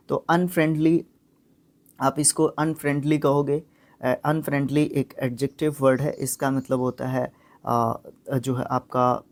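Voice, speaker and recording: A man's voice: mid-range voice, a little mellow. Man teaching vocabulary, sounding out words. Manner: repeats and sounds out words slowly, drops in short fillers. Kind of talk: explaining vocabulary lesson.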